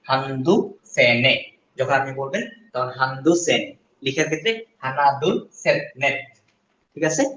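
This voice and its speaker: A man's voice: mid-range voice, fairly bright tone, a little hiss or hum. Man drilling a class from afar. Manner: slow repetitive drilling, asks "ঠিক আছে?". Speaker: language teacher. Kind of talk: classroom lesson. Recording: echoey classroom, distant dull mic.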